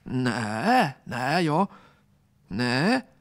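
A man's voice: mid-range voice, sing-song, pitched above the performer's own voice. A man voicing a small, frightened boy who stammers his denials in a children's story. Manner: timid, stammering.

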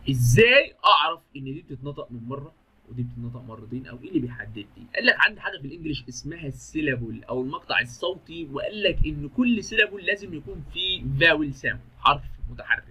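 A man's voice: fairly high pitch, bright, forceful tone, breathy edge. A young man with an Egyptian Arabic accent teaches English grammar in a chatty, joking way, often asking a question and then answering it himself. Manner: chatty, jokey, asks and answers his own questions. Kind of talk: lively classroom-style grammar lesson.

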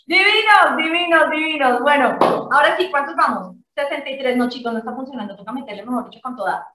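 Effusive Colombian woman host on a video call, bright and sharp, echoey and distant. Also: high-pitched, fairly quick. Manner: effusive, affectionate, laughs often. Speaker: network marketing presenter. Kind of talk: live video call greeting. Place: home living room.

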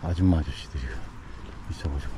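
A man's voice: very deep voice, quick pace. A man filming a walk through a park, muttering brief remarks to himself and grumbling about the heat. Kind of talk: muttered asides while walking. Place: outdoor park with butterfly dome and greenhouse. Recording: noisy outdoor ambience.

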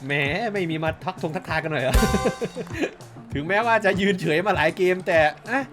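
A man giving casual, excitable commentary over his own football video game match. He swears freely, laughs a lot, and shouts at big moments. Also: sits high, moderate pace, over music. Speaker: gaming YouTuber. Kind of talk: live gameplay commentary.

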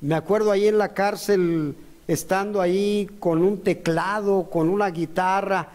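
A man's voice: high voice, fairly even intonation, measured pace, darkish tone. A man preaching a rambling, conversational sermon full of fillers and asides.

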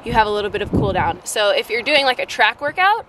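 A woman's voice: fairly high pitch, sing-song, fast talker. Young woman explaining casually, noisy outdoors. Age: young adult. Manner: seated, informal explaining. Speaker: running vlogger. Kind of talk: casual explanatory vlog chat. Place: outdoors, sitting by desert shrubs. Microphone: camera a short distance in front.

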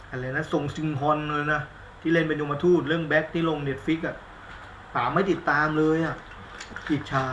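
Chatty man with a bright voice on a livestream. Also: fairly high pitch, reverberant, slight background noise. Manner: chatty, rambling, blunt slang, self-mocking. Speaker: movie reviewer on live stream. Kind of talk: casual live-stream chat. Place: indoors at home, live stream.

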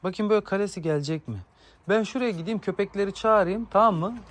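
A man, a father and dog owner, chatting casually to viewers in a yard while giving sharp commands to his dogs. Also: high voice, quick pace. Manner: sharp commands to dogs, shooing them back. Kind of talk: casual vlog talk to viewers.

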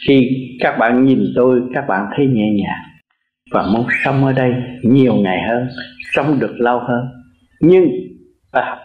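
An older man, a spiritual teacher giving a blunt, earnest, teasing sermon and answering listeners. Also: medium pitch. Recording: roomy, dull lo-fi recording.

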